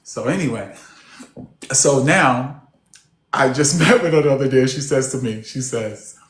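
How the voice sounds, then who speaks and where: A man coaching a group on a video call, preaching emphatically and swinging between loud and soft. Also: medium pitch, a little slow. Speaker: personal development coach. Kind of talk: motivational group coaching session. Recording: roomy echo on a call.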